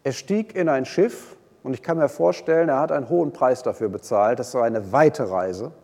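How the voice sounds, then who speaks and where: A man preaching a sermon, retelling a Bible story with lively swings between loud and hushed delivery. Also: mid-range voice, moderate pace. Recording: long hall reverb.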